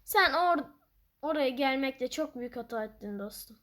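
A woman giving playful, excitable gameplay commentary as she plays, breaking into loud outbursts. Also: high voice, moderate pace. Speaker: gaming channel host.

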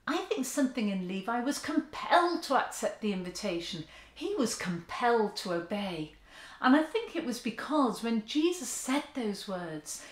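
A woman, giving an earnest sermon to camera from a sofa in her living room. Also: fairly high pitch. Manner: earnest, expressive, with open hand gestures. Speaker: church speaker. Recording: echoey room.

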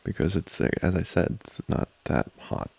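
In an ASMR roleplay, a man with a low, heavily creaky voice plays a flustered, distracted boyfriend who is studying, teasing and affectionate. He speaks slowly and hesitantly, very animated, his pitch rising and dipping often. The tone is darkish and the recording dry, with the mic close.

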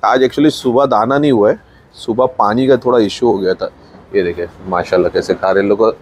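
A man's voice: on the low side, fairly quick, a little mellow, slight background noise. A man with a Mumbai Hindi accent gives a chatty walkthrough of his farm, filmed on a handheld phone, pointing things out as he goes. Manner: chatty, points things out, mixes in English words. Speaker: farm owner filming his buffalo feeding. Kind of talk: casual walkthrough vlog narration. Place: outdoor farm sheds.

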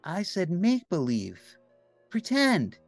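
A giant childlike bird from a storybook , as a man acts him out, pitched well up and swinging freely. He is sweet, naive and earnest, with a gentle dreamy way of talking. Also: wildly swooping pitch, takes it slowly, dry recording, faint music behind, heavily acted. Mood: eager, earnest.

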